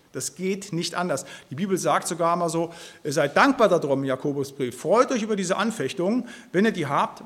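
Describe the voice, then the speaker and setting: A man giving an informal Bible teaching, earnest and emphatic, tagging his sentences with "halt, nicht?". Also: on the high side. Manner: speaks in a loose spoken style, tags sentences with "halt, nicht?". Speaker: preacher.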